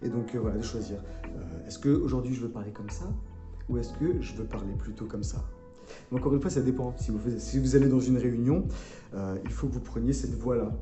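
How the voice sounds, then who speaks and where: A man's voice: medium pitch, brisk, warm tone, roomy sound, faint music behind. A man coaching in a casual, playful, joking way, rambling with many fillers. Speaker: wellness coach.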